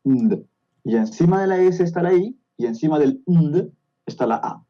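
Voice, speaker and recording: A man's voice: fairly high pitch, lively intonation, normal speed, dark tone, muffled recording. A man with a Peruvian Spanish accent, a guest explaining a topic step by step on a podcast, often checking that his listener follows. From Peru. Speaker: guest expert on Tolkien's languages.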